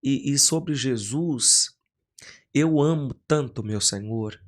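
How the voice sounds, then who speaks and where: A man's voice: mid-range voice, takes it slowly. A man, a pastor talking as a guest on a podcast, telling stories with energy and acting out other people's lines. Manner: animated storyteller who acts out quoted voices. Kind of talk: casual podcast conversation.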